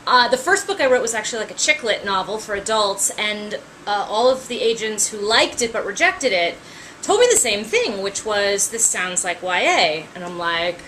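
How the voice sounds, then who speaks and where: A woman's voice: medium pitch, sing-song, normal speed, a bit bright, a little hiss or hum, low-quality recording. A woman in her thirties, an author, talking casually to camera, chatty with frequent ums and wry asides. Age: 30s.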